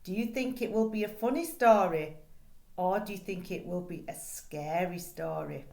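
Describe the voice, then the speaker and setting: A middle-aged woman teaches a read-aloud lesson, reading and explaining a children's book to pupils at a slow, deliberate pace with expressive storytelling and questions for the young listeners. Her pitch is medium. Recorded in a small, plain indoor room with a desk-distance mic, the sound is echoey and roomy.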